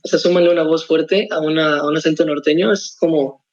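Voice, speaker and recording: A young man from Mexico keeps a podcast chat light with joking, slangy remarks. His voice runs a bit high for a man. The sound is dull and slightly lo-fi. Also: steady tone, fairly quick. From Ciudad Victoria, Mexico. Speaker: podcast co-host.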